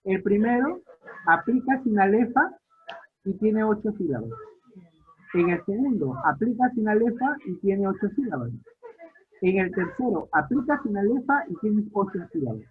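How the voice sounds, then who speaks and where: A male literature teacher, lecturing an online class, questioning students and repeating key points. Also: high-pitched. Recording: tinny phone-like audio line.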